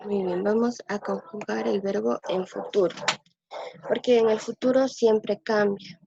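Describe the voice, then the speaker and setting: A woman teaching a language lesson, explaining patiently and thinking aloud, repeating words slowly so they can be copied. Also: medium pitch, steady tone, creaky, background noise. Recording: dull lo-fi dry recording.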